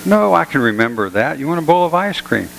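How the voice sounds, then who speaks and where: A man's voice: fairly high pitch, sing-song, fairly quick, creaky, fairly bright tone, a little hiss or hum, voice pushed up, full character voice, rough recording. A man voicing a forgetful older husband in a joke, insisting he will remember. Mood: insistent. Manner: insistent, getting agitated.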